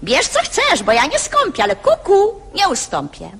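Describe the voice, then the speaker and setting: A woman's voice: extremely high pitch, wildly swooping pitch, moderate pace, a bit bright, pitched above the performer's own voice, exaggerated voice. A woman voicing a stubborn female cuckoo answering back in a sing-song way, in an archival radio recording with hall reverb. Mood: defiant.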